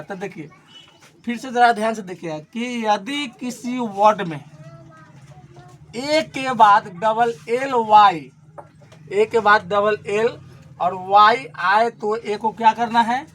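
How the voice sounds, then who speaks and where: A male teacher giving a classroom grammar lesson, explaining slowly and repeating points, asking questions and answering them himself, pointing to a board. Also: high-pitched, fairly bright tone, a little hiss or hum. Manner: repetitive, asks and answers own questions; slow, stressed explanation.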